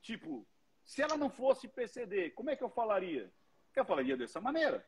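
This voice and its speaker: A man, a guest who teaches public speaking, telling stories in an animated way and swearing freely. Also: high voice, a little fast, slightly rough. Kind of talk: casual commentary chat.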